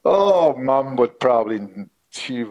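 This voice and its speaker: A middle-aged man with a Czech accent, answering interview questions in a halting way with many fillers. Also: medium pitch, animated, a little mellow, dry recording, lo-fi sound. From Czech Republic. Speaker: former hockey player, guest.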